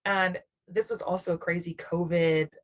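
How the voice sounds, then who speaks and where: Heard over poor audio, this young adult woman has a lowish voice with fairly even intonation and a normal speed. She hails from near Nashville, Tennessee, and appears as a musician guest in a casual interview, rambling thoughtfully with plenty of fillers and laughs.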